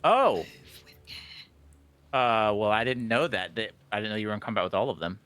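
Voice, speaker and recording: A man's voice: on the low side, animated, moderate pace, a bit bright, no echo. A man playing a co-op game with friends, wry and laid-back, laughing easily. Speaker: fellow streamer and co-op player. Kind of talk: casual gaming chat.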